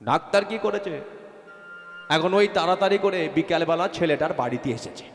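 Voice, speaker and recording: A man telling a devotional story during a kirtan performance, animated and speaking directly to the audience. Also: a little high, moderate pace. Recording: echoey hall with faint music.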